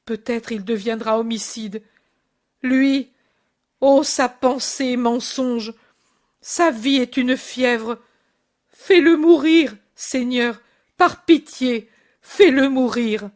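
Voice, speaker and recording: A woman's voice: a little high, takes it slowly. A woman reading aloud and voicing an anguished older mother who pleads and cries out for her wayward son. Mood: anguished pleading. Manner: pleading, crying out in despair. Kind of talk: audiobook reading.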